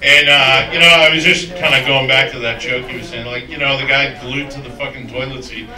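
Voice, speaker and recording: A man's voice: mid-range voice, steady tone, brisk, distant mic. A man doing a rambling, self-mocking stand-up routine full of crude jokes. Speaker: stand-up comedian. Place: comedy club stage. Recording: roomy club sound from afar with crowd. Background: audience laughter.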